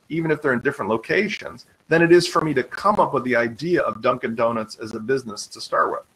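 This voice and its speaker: A man hosting a live web tutorial, talking fast and eagerly in an informal sales manner while demonstrating software. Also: on the high side, rough recording. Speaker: webinar host.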